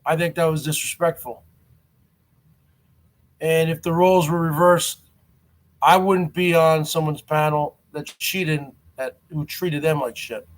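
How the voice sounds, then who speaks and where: A high-voiced man in his forties who stutters is running a live stream, speaking straight to his audience. His tone is steady and unhurried, with frequent pauses, while he aggrievedly circles back to one grievance and repeats himself.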